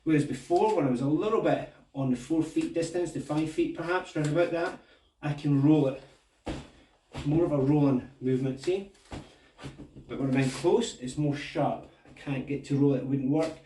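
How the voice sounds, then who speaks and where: A relaxed Scottish man walks through martial arts moves while demonstrating them in a tutorial. He speaks at a moderate pace in a slightly high voice, with a bit of hiss or hum, an echoey room, and the mic placed at a distance.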